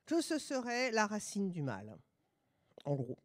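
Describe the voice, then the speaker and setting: A woman's voice: medium pitch, wildly swooping pitch, unhurried. A middle-aged woman from France with a French accent, giving a conference lecture with ironic asides.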